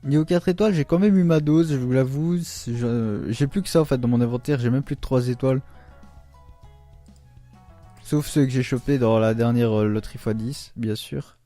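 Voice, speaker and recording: A man giving casual commentary on his game pulls, excitable and groaning aloud whenever the luck turns against him. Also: medium pitch, normal speed, soft background music. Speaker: gaming YouTuber.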